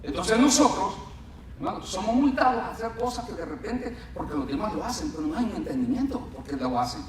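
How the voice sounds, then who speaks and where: A man preaching a sermon in a church, telling stories in a lively way and often calling his listeners brother. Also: sits high, a little fast, distant mic. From Latin America. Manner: storytelling, animated, addresses listeners as brother. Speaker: pastor. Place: church hall. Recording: echoey hall mic, speaker off-mic at times.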